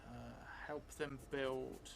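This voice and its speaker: This middle-aged solo role-player and streamer has a mid-range voice and muses hesitantly, leaving long pauses as he improvises a tabletop game alone. He sits at a table in an indoor theatre room, recorded clearly over a steady background noise.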